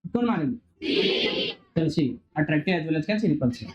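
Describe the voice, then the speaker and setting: A male physics teacher lecturing a classroom, firing quick questions and waiting for students to answer. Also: on the high side, expressive, a little mellow, a little hiss or hum. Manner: quizzing students, call-and-response. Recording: dull lo-fi recording.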